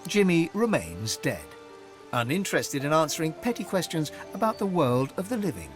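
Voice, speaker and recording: A man narrating a fantasy video game in the second person, with measured, dramatic storytelling. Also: a little high, very animated, over music.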